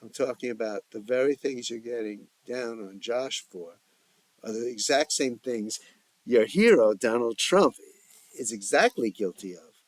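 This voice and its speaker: A man voicing a calm, reasoning middle-aged man who lectures the others in an audio story. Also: medium pitch, a little slow, no echo. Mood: lecturing.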